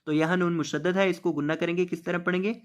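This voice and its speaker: A man teaching Quran reading. He draws the verses out slowly, then explains the tajweed rules briskly and repeats each word. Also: high voice, fairly even intonation. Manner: repeats words and asks rhetorical questions. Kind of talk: tajweed lesson, slow drawn-out recitation then quick explanation.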